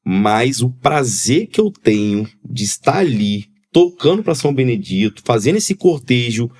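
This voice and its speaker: A man from Espírito Santo with a Capixaba Brazilian accent, a podcast guest talking in a reflective, halting way with many restarts. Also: medium pitch, sing-song, a little mellow. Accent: Capixaba Brazilian Portuguese. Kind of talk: casual conversation.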